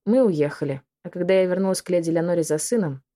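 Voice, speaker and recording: A woman reads a first-person story aloud, telling it with expressive turns. Her voice sits low and sounds soft and mellow. The delivery is steady audiobook narration. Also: fast talker.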